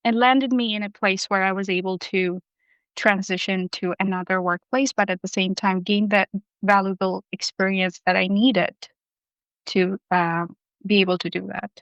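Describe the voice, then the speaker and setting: A woman's voice: medium pitch, steady tone, normal speed, a bit bright, smooth, dry recording, muffled recording. A young woman from Bangladesh, a guest in an interview, speaking thoughtfully with frequent ums and uhs. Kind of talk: casual interview.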